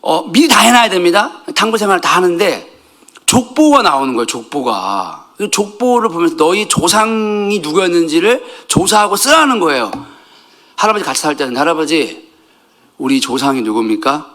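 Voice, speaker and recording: A middle-aged male pastor giving a conversational sermon, animated, jumping between loud outbursts and soft asides and joking with the congregation. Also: high-pitched, normal speed.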